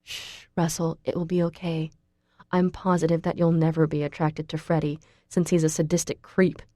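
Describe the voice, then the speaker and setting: A woman voicing a seventeen-year-old girl who begs in high cries and soothes softly. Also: little pitch movement, normal speed, dry recording, clean studio sound, lightly acted. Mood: soothing. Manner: high pleading cries, then soft soothing.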